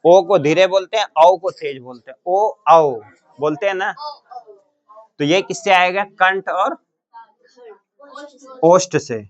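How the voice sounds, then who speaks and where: In a coaching classroom, a male teacher from Bihar, India, drills his students on grammar by asking one question repeatedly and answering it himself. He speaks in a high voice at a measured pace, pausing often, and the recording's highs are cut off.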